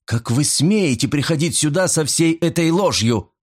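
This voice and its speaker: A man voicing a furious middle-aged woman accused of crimes, shrill and screaming in an audiobook. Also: animated, moderate pace, darkish tone, husky. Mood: hysterical.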